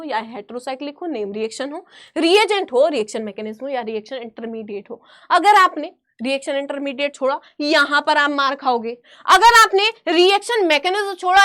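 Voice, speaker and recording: A woman's voice: high voice, a bit bright. A woman teaching an exam-prep chemistry lesson, emphatic and repetitive, calling her students beta. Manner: emphatic, repeats phrases, calls students beta.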